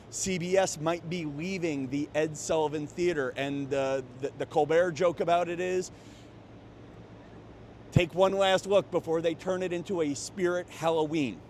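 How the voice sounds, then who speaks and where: A man's voice: on the high side, slight background noise. A man who is a comedian and host, talking in a casual, joking vlog monologue into a small remote microphone. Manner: joking, conversational. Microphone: small remote microphone with a phone.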